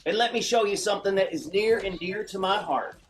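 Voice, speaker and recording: A man's voice: sits high, brisk, a little hiss or hum. A man working as a stage magician and host, giving folksy, theatrical Old West show patter in the hammy manner of a kids' party magician. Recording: music playing behind the voice. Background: show music.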